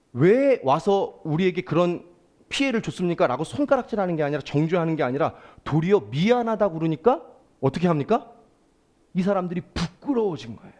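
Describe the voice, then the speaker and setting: Male pastor, Sunday sermon in church; high, animated delivery, emphatic, addressing the congregation.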